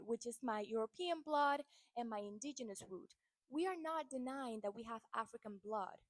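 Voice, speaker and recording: A woman's voice: on the high side, no room sound. Woman with a dry close sound. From Dominican Republic. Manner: earnest, measured, explaining. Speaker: content creator. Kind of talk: explanatory social media monologue.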